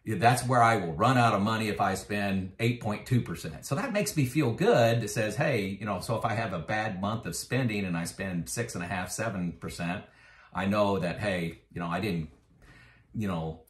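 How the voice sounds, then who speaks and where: A retirement finance vlogger in his fifties talks casually to camera about his own money, explaining things with frequent fillers and growing emphatic when he makes a point. His voice is lowish, his speed normal, and the sound reverberant.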